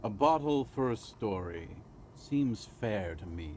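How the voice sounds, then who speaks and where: A man's voice: fairly low pitch, expressive, takes it slowly, slight background noise. A man voicing a down-and-out drunk who trades stories for booze, in a wheedling, theatrical way. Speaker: game character.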